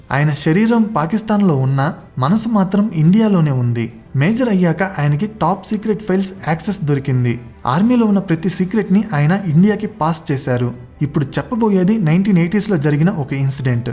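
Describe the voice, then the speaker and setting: Storyteller, warm dark tone, measured dramatic delivery, faint music bed. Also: medium pitch, animated. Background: faint background music.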